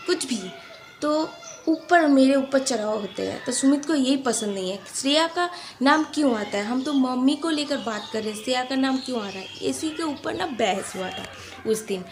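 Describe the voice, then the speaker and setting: A woman's voice: high voice, lively intonation, slight background noise. Chatty young woman. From West Bengal, India. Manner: chatty, earnest, rambling with pauses. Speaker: vlogger. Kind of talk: casual storytelling vlog.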